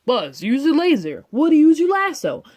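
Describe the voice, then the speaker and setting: A woman's voice: sits high, sing-song, normal speed, a little mellow, dry recording, voice pushed up. Woman playing a pompous hedgehog director. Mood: theatrical. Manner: theatrical, lecturing. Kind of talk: storybook reading.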